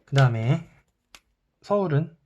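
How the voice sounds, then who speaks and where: A male teacher giving a recorded math lesson. He explains calmly and step by step while drawing on a chart. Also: on the high side, unhurried, muffled recording, a little hiss or hum.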